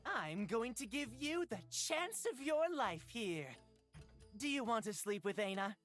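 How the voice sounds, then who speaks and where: Casting: woman doing a cheeky mocking male bard, highish bouncy voice. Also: animated, measured pace, soft background music. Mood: teasing. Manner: playful mocking, rhyming, mock-archaic phrasing. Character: cheeky teasing male bard, mischievous and theatrical. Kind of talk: voice acting while reading a visual novel on stream.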